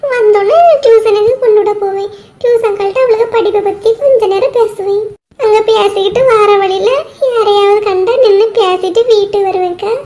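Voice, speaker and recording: A woman's voice: extremely high pitch, warm tone. A woman voicing a gossipy, touchy village wife in a cartoon, speaking in a Kanyakumari Tamil accent and complaining in a whiny, self-pitying way. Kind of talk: cartoon voice acting.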